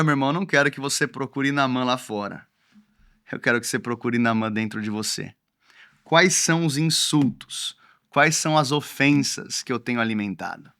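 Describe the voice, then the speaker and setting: A man's voice: mid-range voice, pushed and bright. A man preaching a sermon, emphatic and repeating key phrases for his listeners to write down.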